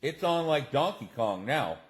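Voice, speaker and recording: Lively slangy dude doing a news vlog, voice jumps around a lot. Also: male voice, mid-range voice, unhurried. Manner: slangy, excitable. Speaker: channel host. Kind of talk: casual news commentary vlog.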